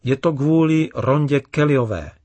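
A man voicing an upset young girl in a children's story, read with gentle emphasis. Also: on the high side, no echo, lightly acted.

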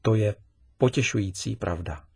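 Husky man reading a devotional. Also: fairly low pitch, a little mellow, dry recording. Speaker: narrator.

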